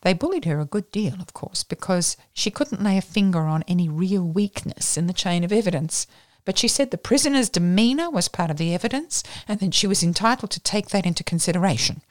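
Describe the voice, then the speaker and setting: An Australian woman voicing a flippant upper-class English gentleman detective, talking in a breezy, rapid, self-mocking way. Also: fairly low pitch, expressive, no room sound, studio quality, natural voice. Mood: brisk.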